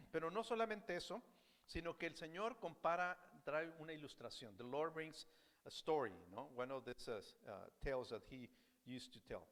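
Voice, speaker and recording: A pastor preaches a bilingual sermon in a church sanctuary, switching between Spanish and English and translating himself by repeating each point. His voice is a little high and measured in pace, and he animatedly asks the congregation questions often, with the sound of a large hall.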